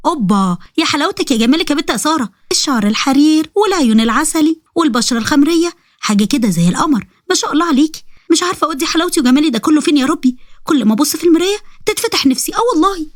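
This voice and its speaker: A woman's voice: high voice, expressive, racing, dry recording, studio quality, voice pushed up. A woman with an Egyptian accent voicing a vain, giddy teenage girl who squeals and admires herself. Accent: Egyptian Arabic.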